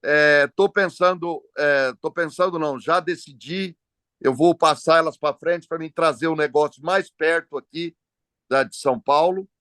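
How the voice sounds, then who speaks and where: A man in a relaxed interview over a call, telling long stories with hesitations and restarts. His voice sits a little high for a man. The sound is dry, with no room echo. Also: moderate pace. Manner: relaxed, storytelling with frequent hesitations. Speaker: entrepreneur interviewee. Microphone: phone or video call.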